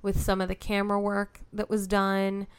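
A woman's voice: mid-range voice, completely flat delivery, moderate pace, clean tone. A woman co-hosting a podcast, talking casually about a film and searching aloud for the right word. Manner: searches for words with fillers. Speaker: podcast co-host.

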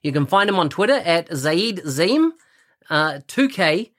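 A man's voice: on the high side, sing-song, unhurried, a bit bright. A man hosting a podcast interview, reading a sponsor spot and then asking a guest questions in an eager, upbeat way. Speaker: podcast host.

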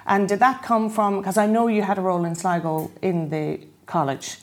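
A woman's voice: mid-range voice, steady tone, normal speed. A woman with an Irish accent, hosting a casual podcast interview and putting questions to her guest.

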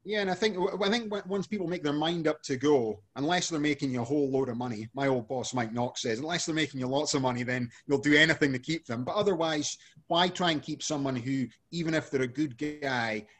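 A man's voice: a little high, fairly quick, hardly any pauses, fairly bright tone. A man from Scotland, a guest on a podcast, answering questions in a loose, chatty way with lots of fillers. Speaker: podcast guest, energy company CEO. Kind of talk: casual interview answers.

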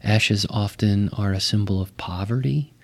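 A man with a West Texas twang, explaining things conversationally and thoughtfully like a pastor, often pausing mid-phrase. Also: lowish voice, gravelly. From West Texas, United States. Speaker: Baptist pastor.

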